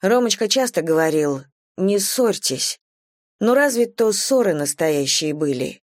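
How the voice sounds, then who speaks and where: A woman narrating a first-person short story aloud with an expressive, lively delivery. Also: sits low, normal speed, no echo, clean studio sound. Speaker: audiobook reader.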